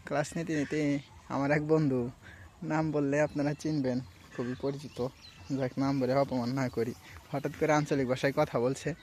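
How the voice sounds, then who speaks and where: Out by the rice fields, a young man from Sirajganj, Bangladesh vlogs in a loose, rambling way, with slight background noise. He has a medium-pitched voice, talks at normal speed with a Sirajganj regional Bengali accent, and shifts easily between regional and standard speech.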